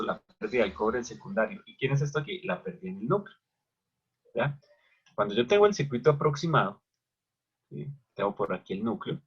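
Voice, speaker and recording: This husky, medium-pitched man is teaching an electrical machines class online from a whiteboard, repeatedly asking questions only to answer them on his own. The recording sounds dull and lo-fi.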